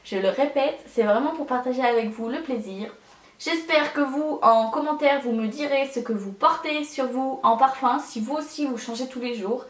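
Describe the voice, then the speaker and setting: A woman's voice: high-pitched, moderate pace, echoey room, far from the mic. A young woman chatting in a casual vlog, hesitant and full of fillers as she shows her collection. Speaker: beauty vlogger.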